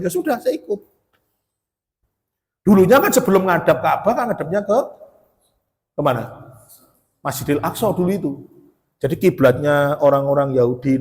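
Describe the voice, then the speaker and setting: A man's voice: a little high, darkish tone. A man giving a sermon, telling stories with quoted dialogue and rising to emphatic peaks. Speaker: preacher. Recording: long hall reverb.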